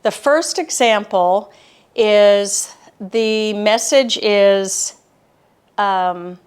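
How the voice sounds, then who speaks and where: Woman, therapist, educational talk, calm and explanatory, smooth clear voice. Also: mid-range voice, drawn-out words.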